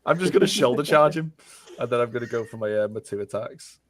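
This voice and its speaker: A man's voice: medium pitch, fast talker, over a noisy crowd. A man playing a tabletop game, chatting casually in a cheeky, playful way.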